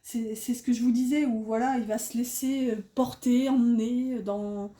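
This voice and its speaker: A woman's voice: on the high side, fairly even intonation, normal speed, dark tone. A woman with a slight northern French accent giving a casual tarot reading to viewers, hesitant and full of fillers as she talks through each card. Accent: northern French (ch'ti). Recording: echoey room.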